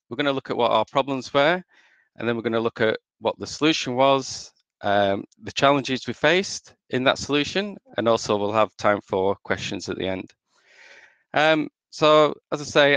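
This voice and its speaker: A man's voice: medium pitch, a bit bright, clear, resonant tone, no echo. A man from Northern England, with an accent mixed with Australian and American traces, giving a conversational meetup presentation as an integration manager, with frequent ums. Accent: Northern English with Australian and American traces. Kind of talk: conference presentation.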